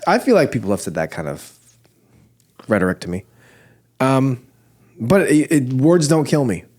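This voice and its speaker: Hosting a church podcast, this man talks casually in a nasal, medium-pitched voice with big pitch swings, a moderate pace and a slightly mellow tone. He rambles, restarts, and jokes in a self-deprecating way.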